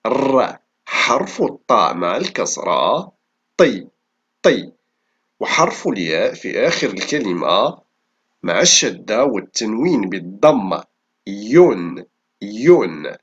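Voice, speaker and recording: Slow, bright-voiced man dictating words. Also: lowish voice, husky. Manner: dictating, repeating each item deliberately; instructional, enunciating syllable by syllable. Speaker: Arabic reading and spelling teacher. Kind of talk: dictating words and syllables in a spelling lesson.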